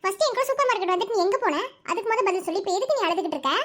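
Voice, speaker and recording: A woman's voice: extremely high pitch, lively intonation, racing. A woman voicing a caring aunt in a cartoon who coaxes and scolds her niece. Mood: coaxing. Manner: coaxing, scolding.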